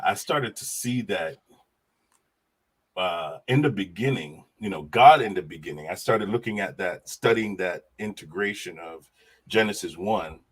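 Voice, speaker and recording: A middle-aged Jamaican man, appearing as a podcast guest, chats casually about faith and his life. His voice is low and husky, and he's animated, repeating his words and laughing often.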